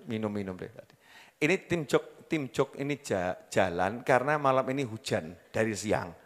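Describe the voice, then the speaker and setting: A man's voice: fairly low pitch, lively intonation, normal speed, big-room sound. A man with a Javanese accent preaching a sermon, joking and quizzing his audience as he goes. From Java, Indonesia. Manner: jokey, asks the crowd questions, mixes in local dialect.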